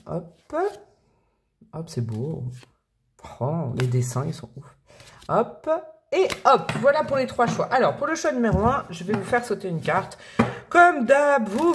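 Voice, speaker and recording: A woman in her forties reads tarot for her online audience in a relaxed, chatty way. She rambles through asides and fillers and laughs often. Her voice sits at an ordinary middle pitch. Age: 40s. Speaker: tarot reader. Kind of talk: casual chat to camera.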